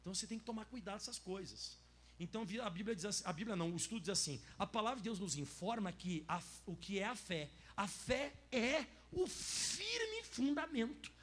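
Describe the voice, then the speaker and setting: A man's voice: sits high, fast. A male pastor teaching a faith course in a conversational sermon style, often tagging his sentences with little asides. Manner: conversational, tags lines with "né?" and "ó"; acts out dialogues in different voices.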